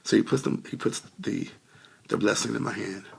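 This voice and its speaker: A man's voice: fairly low pitch, moderate pace, gravelly, breathy edge. A man telling a heartfelt personal testimony in a casual way, with many fillers, close to tears and still coughing a little. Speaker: vlogger sharing a testimony.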